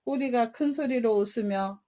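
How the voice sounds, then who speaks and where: A woman telling bedtime stories in a calm, even reading. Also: on the high side, moderate pace. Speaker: storyteller.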